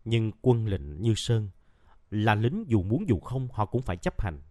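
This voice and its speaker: A man narrating a war story in a measured, expressive storytelling manner. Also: on the low side, no echo, studio quality.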